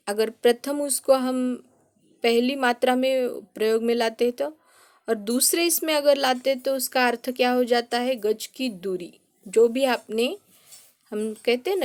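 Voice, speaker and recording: Slow-paced woman teaching Hindi grammar. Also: on the high side, a little mellow. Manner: explains patiently, asks and answers her own questions. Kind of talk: Hindi grammar lesson for children.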